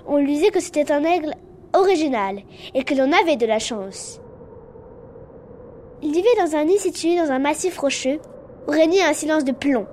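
A woman narrating a children's animal story in a calm, even storytelling voice. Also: sits high, normal speed, pauses often, a little hiss or hum.

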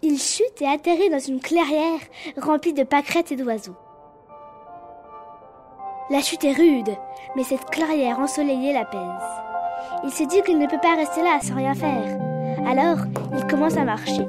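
A woman narrating a children's animal story in a calm, even storytelling voice. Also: high-pitched, unhurried, long pauses, loud music behind the voice.

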